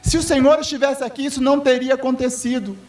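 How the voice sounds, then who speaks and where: Grieving woman, high and strained , put on by a male preacher; distant mic, faint music. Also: fairly even intonation, fast talker, a little mellow. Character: grieving woman pleading with her lord.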